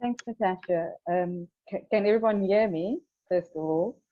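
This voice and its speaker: Woman, group video call, muffled lo-fi audio, thoughtful halting speech, environmental studies teacher. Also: medium pitch. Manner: thoughtful, halting, many fillers and restarts. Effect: heard over a group video call. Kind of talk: reflective panel talk. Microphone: computer mic on a video call.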